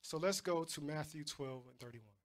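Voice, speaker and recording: A man's voice: on the high side, normal speed. Emphatic male preacher, repeating for stress. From United States. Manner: emphatic, repeats words when stressing a point. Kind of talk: sermon.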